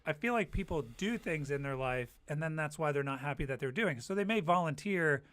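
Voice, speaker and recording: A man hosting a podcast, chatting casually in an animated way and restarting his sentences often. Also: a little high, brisk. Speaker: podcast host. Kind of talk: casual chat.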